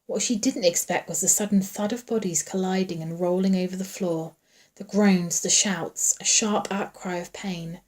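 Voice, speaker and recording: Hushed woman reading a horror novel. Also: lowish voice, steady tone, normal speed. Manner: hushed, suspenseful, sometimes whispered. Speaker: audiobook reader.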